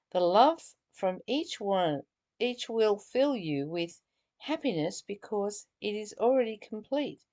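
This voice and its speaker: A woman serving as a spiritual teacher reads passages from a spiritual study text to her book study, stumbling and repeating phrases now and then as she adds earnest, reflective commentary. Her voice sits on the low side, a little mellow, with vocal fry.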